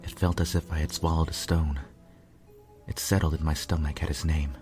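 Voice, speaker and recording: With music behind him, a man with a very deep, darkish voice narrates a scripted first-person fan fiction tale as a lovelorn male pony royal guard. He speaks at normal speed with little pitch movement, and the delivery is grave, dramatic, and tense.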